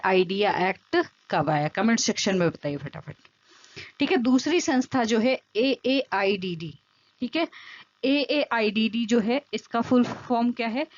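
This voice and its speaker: This online special education exam-prep lecture comes from a woman with a fairly high voice, speaking over slides with no room sound. Her explanations go step by step, key terms get repeated, and she regularly makes sure the listener is following, on a dull, dry lo-fi recording.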